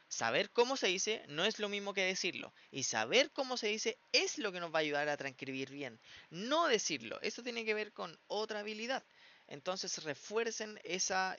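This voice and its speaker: Young male teaching assistant, chatty and encouraging, forceful crisp delivery, muffled lo-fi audio. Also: a little high. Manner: chatty and encouraging, mixes English terms into Spanish. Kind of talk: casual online tutoring session. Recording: muffled lo-fi recording.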